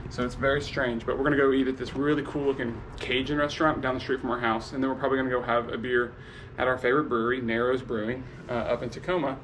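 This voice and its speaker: A man's voice: medium pitch, steady tone, fast talker, fairly bright tone, slight background noise, low-quality recording. A man in his thirties, an easygoing vlogger talking to a handheld camera at home and out at a restaurant. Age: 30s. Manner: easygoing, chatty, talks straight to camera. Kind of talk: casual vlog narration. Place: apartment living room and kitchen, then restaurant and brewery. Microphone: handheld camera at arm's length.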